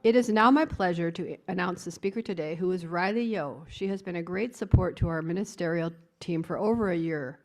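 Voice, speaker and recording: A woman's voice: fairly low pitch, brisk, hardly any pauses, a little mellow. A woman at a service who formally introduces the guest speaker, reading from a prepared text.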